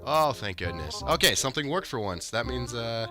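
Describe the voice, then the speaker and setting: A man's voice: medium pitch, very animated, normal speed, music in the background. A man hosting a casual podcast chat while sick with a plugged nose, talking in a rambling, self-deprecating way into a gaming headset mic. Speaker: podcast host.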